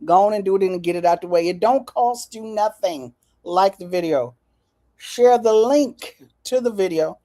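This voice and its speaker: Lively folksy woman host, mellow voice. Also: mid-range voice, moderate pace. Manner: folksy, lively, talks straight to viewers. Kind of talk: casual chat to viewers.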